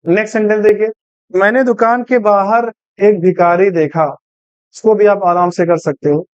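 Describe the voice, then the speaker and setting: A man's voice: high-pitched, fairly even intonation, normal speed, clean tone, dry recording, lo-fi sound. A man teaching English sentence translation, patiently asking and answering his own questions step by step. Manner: patient, repeats questions to students. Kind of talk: Hindi-language grammar lesson.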